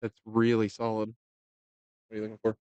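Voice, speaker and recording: A man giving relaxed, joking live commentary on a pool match, talking loosely with fillers. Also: lowish voice, fairly quick, dry recording, muffled recording.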